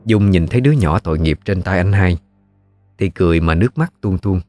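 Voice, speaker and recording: A man with a Southern Vietnamese accent narrating a ghost story in a steady, folksy way. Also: low voice, fairly quick, soft background music.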